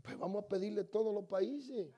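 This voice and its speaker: A man preaching a lively sermon in a church, telling funny stories and moving between quiet asides and loud calls to the congregation. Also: sits high, normal speed. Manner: storytelling, swings between soft asides and loud exhortation. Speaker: guest preacher. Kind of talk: lively Spanish-language sermon with humorous anecdotes. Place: church sanctuary.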